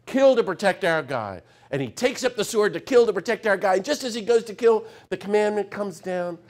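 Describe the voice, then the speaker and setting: A middle-aged man giving a public lecture, telling stories with sudden swings from hushed asides to loud, fired-up passages. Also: sits high, brisk. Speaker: speaker.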